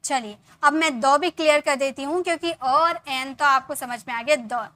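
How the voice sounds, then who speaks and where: A woman teacher giving a spoken grammar lesson, explaining patiently, repeating examples and quizzing her viewers, drawing out English sentences slowly word by word. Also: high-pitched, a bit bright, no room sound.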